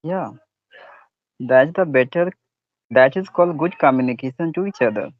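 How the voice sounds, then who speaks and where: A man, speaking haltingly and searching for words in a casual English practice discussion. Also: medium pitch, animated. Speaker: English conversation partner. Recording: dull, lo-fi, dry sound.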